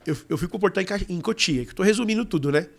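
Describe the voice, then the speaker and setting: A young Brazilian man tells his story as a podcast guest, talking very quickly and with lots of energy. His voice sits a little high for a man, and his casual manner is full of fillers. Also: lively intonation, creaky.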